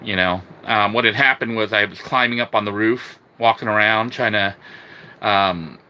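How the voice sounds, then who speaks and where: With faint ambient noise behind him, a man updates viewers in an informal video walkthrough, his fairly low voice sharp and at a normal pace. He rambles and hesitates, leaning heavily on "you know".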